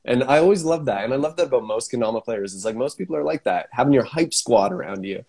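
Male host, mid-pitched, casual live interview, relaxed and upbeat. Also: fast talker, slightly rough. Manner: laid-back, filler-heavy, enthusiastic. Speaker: podcast host.

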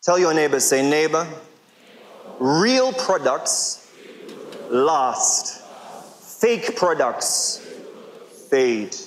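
A man in his thirties preaching a sermon to a large congregation, emphatic and full of rhetorical questions with drawn-out pauses. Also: fairly high pitch, animated, slight background noise. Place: large church hall with congregation. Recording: long reverb of a big hall.

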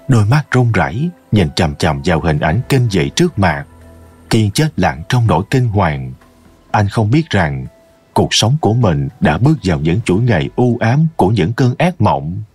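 A man narrating a scripted horror story in a slow, ominous storytelling manner. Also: low-pitched, a little mellow, breathy edge.

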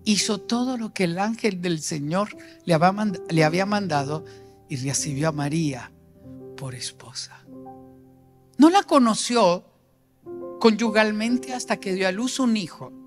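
A man in his sixties preaching a sermon with passion, swinging between loud emphasis and near-whispered lines. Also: high voice, a little slow, long pauses, soft background music. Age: 60s.

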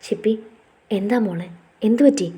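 A woman voicing a caring young husband who speaks softly and coaxingly. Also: mid-range voice, moderate pace, breathy edge. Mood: worried. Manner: soft, coaxing.

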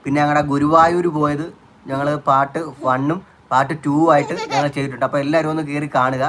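A man's voice: fairly high pitch, flat delivery, fast talker, a bit bright, slight background noise. A man hosting a casual home live stream, chatty and repetitive, greeting viewers and coaxing a child to speak.

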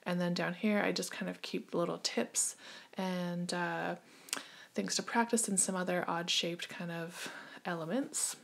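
A woman casually showing her nail supplies, talking in a relaxed way with lots of ums and uhs, recorded on a handheld phone in a small room at home. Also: lowish voice, unhurried, creaky. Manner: relaxed, many fillers and hesitations. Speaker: nail artist giving a desk tour. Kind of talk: casual show-and-tell narration.

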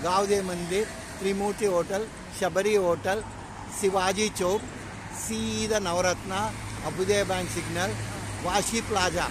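A man working as a driving instructor, reeling off a route stop by stop and giving blessings in mixed Hindi and English, outdoors by a highway. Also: steady tone, a little slow. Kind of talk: roadside student interview. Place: outdoors beside a busy highway. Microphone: phone camera held by the speaker. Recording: loud wind and traffic noise.

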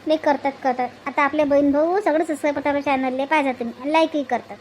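A woman's voice: high voice, fairly even intonation, fast, noisy background. A woman with a Varhadi Marathi accent who runs a cartoon channel, casually coaxing viewers. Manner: chatty, coaxing.

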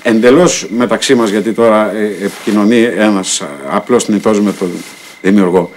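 A man's voice: on the low side, darkish tone, a little hiss or hum, close to an everyday voice. An actor playing a glib male playboy debtor who theatrically pretends to have found religion. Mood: humble prayer. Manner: glib, theatrical, mock-pious. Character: smooth-talking male playboy debtor feigning piety. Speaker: actor in a TV comedy series. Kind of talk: sitcom acting.

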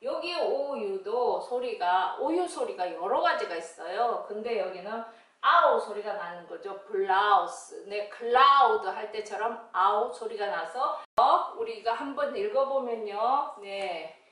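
A woman teaching English phonics, sounding out words slowly, syllable by syllable. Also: mid-range voice, expressive, sharp tone, distant mic. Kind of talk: slow instructional phonics lesson. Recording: very echoey room, voice a bit off-mic.

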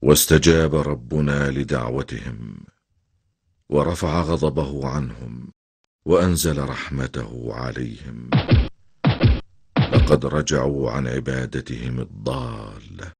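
An older man narrating a story as a grandfather, in a measured, solemn way. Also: rumbling low, creaky, darkish tone, breathy edge.

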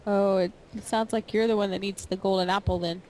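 Playful mother on a voice call in a family game, mid-pitched, teasing, full of questions; faint hiss. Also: fairly even intonation, fairly quick, darkish tone, low-quality recording. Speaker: mom and wife in a family game session. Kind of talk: casual gaming chat.

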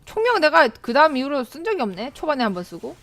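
A young woman streaming a game live, chatting with her teammates, excitable, and given to shrieks and laughter when startled. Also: sits high, fast talker. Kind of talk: live gameplay commentary.

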